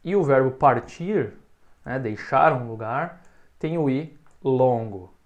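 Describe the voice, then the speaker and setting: A man with a Brazilian Portuguese accent teaching English pronunciation, modelling short words loudly and having the learner repeat after him. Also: mid-range voice, expressive, muffled recording. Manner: slow, drawn-out modelling of words, stressed loud examples.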